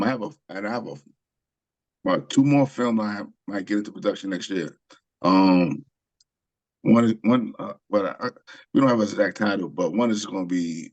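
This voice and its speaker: Guesting in a casual interview, an author and screenwriter from Queens, New York, rambles through his stories, often restarting and saying um. He speaks with a low-pitched, slightly mellow voice.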